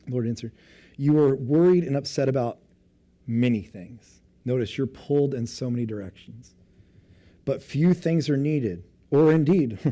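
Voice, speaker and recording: A man in his thirties, a pastor, preaching a sermon with self-deprecating, animated storytelling. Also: mid-range voice. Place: church.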